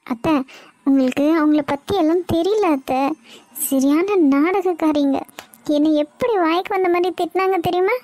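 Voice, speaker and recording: A spoiled young cartoon woman whines on and on in a high voice, voiced by a woman. Her tone is dark-edged and self-pitying. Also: normal speed, no room sound. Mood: whiny. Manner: whiny, self-pitying complaints.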